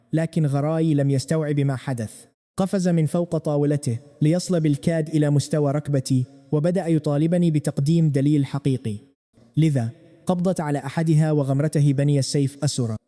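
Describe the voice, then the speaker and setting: A man narrating a comic recap as a scripted story, with dramatic, rapid delivery. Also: a little high, steady tone, dark tone.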